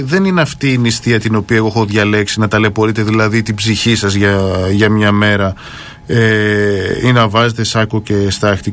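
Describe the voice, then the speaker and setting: A man on a radio Bible discussion, explaining earnestly, often pausing with fillers and quoting scripture at length. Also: mid-range voice, a bit bright. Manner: quotes scripture aloud at length.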